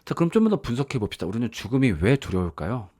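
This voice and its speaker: A man's voice: medium pitch, very animated, quick pace, a little mellow, no echo, studio quality. A man preaching a sermon in a conversational storytelling way, acting out the voices in the stories he tells. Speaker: pastor.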